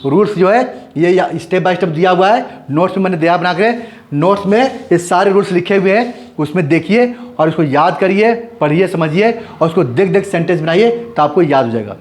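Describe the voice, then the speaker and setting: A man teaching English grammar in Hindi, often asking his students whether the point is clear and switching between Hindi and English example sentences. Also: sits high, lively intonation, moderate pace. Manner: repeats questions to the class, checks with "clear?". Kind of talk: Hindi-language grammar lesson.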